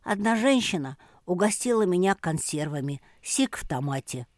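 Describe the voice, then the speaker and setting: A woman's voice: on the low side, expressive, moderate pace, no echo, clean studio sound, natural voice. A woman voicing an earnest, literal-minded female dog who was once a stray.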